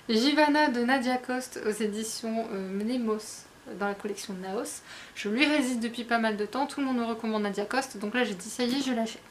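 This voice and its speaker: A woman's voice: fairly high pitch, big pitch swings, moderate pace, slight background noise. A woman book vlogger chatting casually about her new books, hesitant and full of fillers. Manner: chatty, hesitant, many fillers, laughs often. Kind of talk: casual book haul chat.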